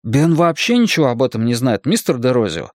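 A man's voice: mid-range voice, very animated, a little fast, darkish tone, no room sound, clean studio sound, natural voice. A man voicing an earnest, polite young boy who speaks respectfully to an adult. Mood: urgent.

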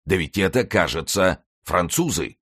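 A man voicing a cruel, vengeful young villain with a sharp, sneering delivery. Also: sits low, expressive, moderate pace, slightly rough, no echo, studio quality, heavily acted.

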